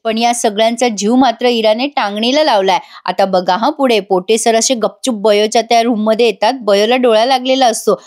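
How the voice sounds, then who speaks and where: A woman's voice: fairly high pitch, fairly even intonation, a little fast, hardly any pauses, darkish tone. A woman narrating a voice-over recap of a TV serial, dramatic and talking straight to her viewers. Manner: dramatic, addresses viewers directly. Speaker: TV serial reviewer.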